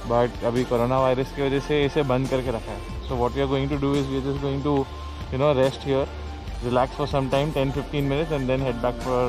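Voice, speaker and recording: Young Indian male moto vlogger, relaxed mixed-language chat, medium pitch, outdoor camera audio. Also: rough recording. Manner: mixes Hindi and English, relaxed chatty. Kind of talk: casual vlog narration. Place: outdoors by a rural road. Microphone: action camera on helmet or selfie mount.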